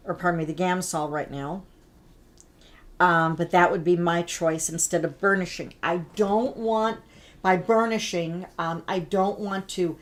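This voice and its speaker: A woman hosting a live coloring tutorial, chatting casually and giving instructions. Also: on the low side. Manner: chatty, instructive, greets viewers by name.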